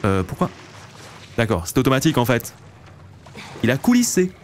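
A man's voice: medium pitch, wildly swooping pitch, moderate pace. Guy in his late 20s doing a let's play, chatty commentary, faint hiss in the background. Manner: chatty, talks to viewers while playing. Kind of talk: casual gameplay commentary.

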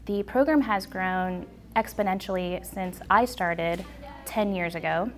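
A woman's voice: lowish voice, measured pace, faint music behind. Earnest woman describing ESL teaching. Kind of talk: documentary interview.

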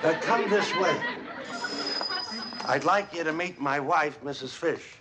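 An actor playing a weary, sarcastic police detective in a 1970s sitcom. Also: male voice, a little high, slow pace, over a noisy crowd. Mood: dry. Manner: dry sarcastic. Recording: hissy 1970s TV with laugh track.

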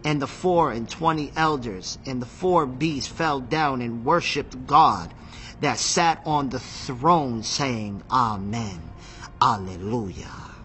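A man teaching from the Bible in an excitable, emphatic way, repeating phrases and reading scripture aloud while seated. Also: mid-range voice, takes it slowly, a little hiss or hum. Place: seated in a chair.

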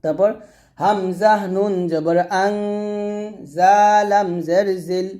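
Slow, syllable-drilling male recitation teacher. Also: high voice, fairly even intonation, mellow. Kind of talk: spelling-out pronunciation lesson.

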